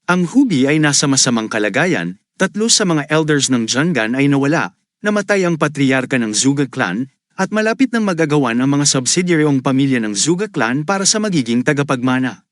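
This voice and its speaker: A man voicing a calm, ruthless male martial arts leader in a recap story, speaking in a measured way. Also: mid-range voice, dry recording, studio quality, lightly acted.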